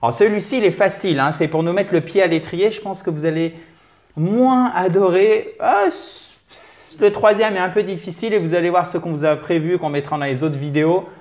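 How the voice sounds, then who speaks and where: A man's voice: a little high, fast, few pauses, a little mellow. A man hosting a language lesson, chatty and encouraging as he explains pronunciation with energy. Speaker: language teacher and host. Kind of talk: lively video lesson.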